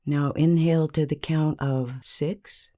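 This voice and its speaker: With a voice that sits low, a woman calmly narrates a guided meditation from a script. She takes her time, measured and soothing, pausing at length.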